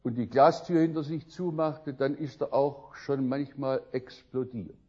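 An older man preaching a sermon, telling stories with lively swings between loud outbursts and quiet musing. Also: medium pitch, a little slow, husky, muffled recording.

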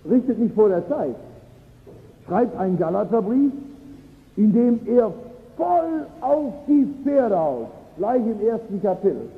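A man preaching a sermon, earnest and emphatic, who repeats his key phrases for weight. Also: high-pitched. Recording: tinny phone-like sound in a long-echoing hall.

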